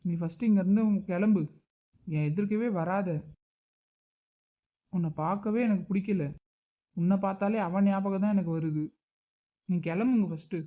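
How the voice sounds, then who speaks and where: A man voicing a hurt, stubborn uncle who scolds and grieves in an animated drama. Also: high-pitched, moderate pace, pauses often, phone-quality sound, close to an everyday voice. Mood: angry. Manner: reproachful, emotional. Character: hurt, stubborn middle-aged uncle, angry but grieving.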